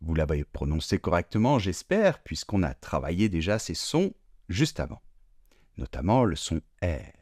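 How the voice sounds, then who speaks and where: A man teaching French pronunciation slowly and deliberately, drawing out sounds and repeating each word. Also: low-pitched, very animated, a little mellow, no echo, clean studio sound. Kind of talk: slow, careful pronunciation lesson.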